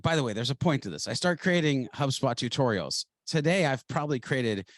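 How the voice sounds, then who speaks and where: An enthusiastic man from Ohio, a guest on an interview show, recounting his career in a quick, animated storytelling flow. His voice sits at an ordinary middle pitch for a man. The recording is close and dry, with no room sound. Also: no room sound. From Ohio, United States. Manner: animated, fast-moving storyteller. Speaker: podcast guest.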